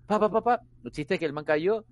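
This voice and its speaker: A man tells a story among friends in casual chat. His voice sits a little high, and the sound is dry and close. He keeps repeating words to hold the floor and laughs between phrases. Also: a little fast, dry recording.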